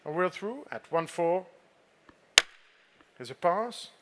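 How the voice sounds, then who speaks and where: A man's voice: high voice, big pitch swings, takes it slowly. A man working as a fine art auctioneer, calling and repeating bids in a poised, formal manner with polite prompts to bidders. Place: auction saleroom with bidders present.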